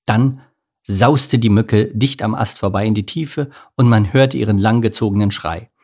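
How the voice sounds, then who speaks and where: A man reads a children's tale aloud in a measured, expressive telling. His voice has a gravelly, creaky texture. It sounds husky rather than clear. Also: lowish voice. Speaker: narrator. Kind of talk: children's storybook narration.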